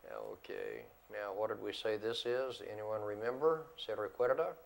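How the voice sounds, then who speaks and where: A man teaching an English grammar lesson to a class, slow and deliberate, repeating words and switching between English and Spanish. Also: fairly low pitch, very animated, creaky.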